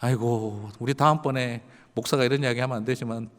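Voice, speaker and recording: A middle-aged male pastor preaching a revival sermon, moving from hushed, whispered prayer to loud, emotional exclamation. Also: mid-range voice, fairly even intonation, fast talker. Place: church sanctuary. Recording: reverberant church sanctuary.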